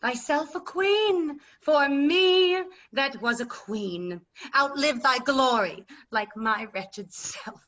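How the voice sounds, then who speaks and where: A woman's voice: high voice, expressive, a bit bright, heavily acted. A woman playing a bitter, deposed old queen in classical verse, declaiming with scorn over a video call. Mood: venomous cursing. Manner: declamatory, scornful, slow and deliberate. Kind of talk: classical verse stage acting. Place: remote video-call staged reading. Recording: dull video-call audio.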